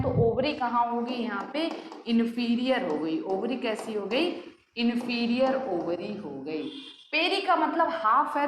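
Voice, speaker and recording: Young woman teacher, slow question-and-answer lecture, echoey room. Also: a little high. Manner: explains slowly, asks and answers her own questions. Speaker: biology teacher. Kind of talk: classroom lecture. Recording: echoey room with loud noise.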